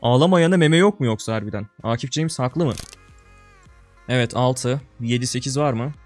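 At a normal speed, this young gaming video creator chats with his audience like a buddy, using plenty of slang. He swings from loud outbursts to quiet mutters, and soft background music runs underneath.

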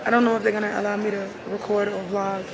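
Speaking to camera through a face mask, a travel vlogger keeps up chatty, casual talk with her viewers indoors at an airport as crowd noise carries on around her. She talks at a quick pace in a creaky, medium-pitched voice that barely rises or falls.

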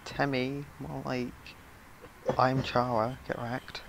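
A young man chatting while playing an online game with a friend, teasing and quick to laugh. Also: mid-range voice, flat delivery, creaky, noisy background. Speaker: co-player. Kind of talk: casual gaming chat.

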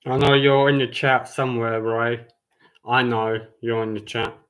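A young man, chatting casually on a livestream, repeating himself with halting restarts. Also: mid-range voice, level tone, fairly bright tone, clear, resonant tone, poor audio. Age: 20s.

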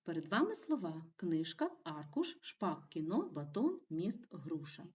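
A woman teaching a primary school video lesson, giving clear and encouraging instructions to young children. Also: fairly low pitch, big pitch swings, measured pace, a little mellow, distant mic. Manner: clear, encouraging classroom delivery.

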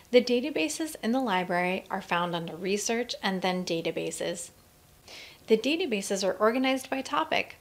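A woman narrating a scripted screencast tour of a college library website, reading in a clear, friendly instructional way. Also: fairly high pitch.

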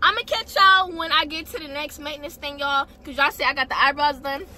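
A woman's voice: high voice, steady tone, brisk, bright, forceful tone, slight background noise. A teenage girl vlogging casually to the camera. She is chatty and keeps calling her viewers "y'all.". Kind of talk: casual vlog talk to camera.

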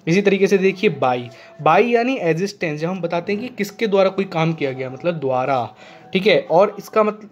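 A male teacher giving a classroom grammar lesson to children, often checking they follow and reading English examples slowly. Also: fairly high pitch. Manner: addresses children, frequent "ठीक है ना" checks, slow spelled-out English examples. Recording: echoey room.

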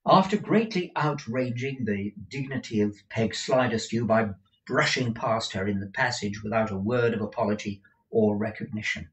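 A man reading a classic novel aloud in a measured, expressive narration. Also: medium pitch, far from the mic, rough recording. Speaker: audiobook reader. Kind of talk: unhurried literary narration.

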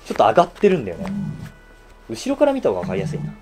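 A man talks casually through his suit piece by piece, laughing often. His voice is mellow and dark, yet his pitch swings widely from phrase to phrase. Soft music plays quietly underneath. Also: huge pitch swings, rapid-fire. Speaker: shoe-shine YouTuber reviewing his bespoke suit. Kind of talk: casual show-and-tell review.

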